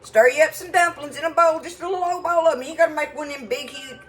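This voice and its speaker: A woman's voice: high-pitched, fast, fairly bright tone, faint music behind, rough recording. A woman hosting a casual cooking video in her home kitchen, chatting folksily and rambling into stories as she cooks. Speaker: cooking show host.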